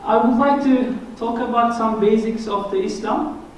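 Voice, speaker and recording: A man's voice: extremely high pitch, moderate pace. Turkish-accented man lecturing in an echoey hall. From Turkey. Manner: earnest, explanatory, self-deprecating humor. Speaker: guest speaker. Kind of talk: church presentation on Islam. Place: church hall. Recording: echoey hall, mic from a distance, faint noise.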